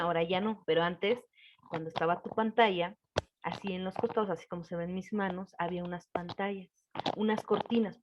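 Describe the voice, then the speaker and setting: A woman's voice: medium pitch, lo-fi sound, noisy background. A woman telling a personal story in a casual, hesitant way, with many fillers.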